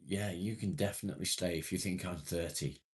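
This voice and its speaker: A man in his late forties, in his 40s, hosts a casual livestream, reading viewer comments and chatting matily with his audience, swearing now and then. His voice sits low and sounds husky, and he talks at a brisk clip.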